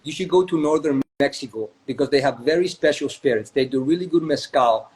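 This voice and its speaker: Over a video call, a spirits company co-founder from Chile speaks in a fairly quick, somewhat mellow, higher-pitched voice. He's relaxed and talkative, spinning out a lengthy story for an informal interview and regularly asking "right?"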